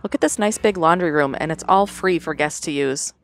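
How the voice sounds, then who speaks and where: A middle-aged vlogger with a deep voice narrates her weekend in a scripted voice-over, speaking a little fast. Her storytelling is even and matter-of-fact.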